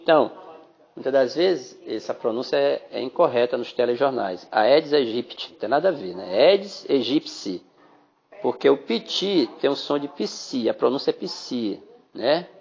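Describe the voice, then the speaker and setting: Brazilian male biology teacher, gravelly voice, chatty podcast lesson, dull phone-app recording. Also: medium pitch, expressive, normal speed, darkish tone. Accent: Brazilian Portuguese. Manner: chatty, addresses listeners as "galerinha", frequent "né?". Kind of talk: podcast exam-prep lesson.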